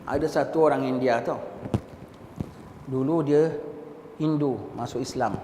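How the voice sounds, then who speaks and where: A man from Singapore with a Singaporean Malay accent, giving a conversational mosque lecture. He mixes in English words and often checks his listeners with a quick "ha?". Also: mid-range voice, fairly even intonation. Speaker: religious teacher. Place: large mosque hall. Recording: echoey hall with long reverb and faint background noise.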